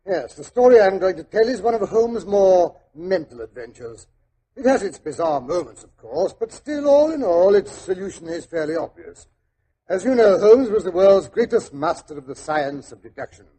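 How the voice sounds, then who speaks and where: An actor playing a genial, chatty older doctor in 1940s radio style, an avuncular and hesitant storyteller. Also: male voice, high-pitched, big pitch swings, moderate pace, warm tone, low-quality recording. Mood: genial, teasing. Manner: avuncular, hesitant, chuckling raconteur. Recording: old 1940s radio recording.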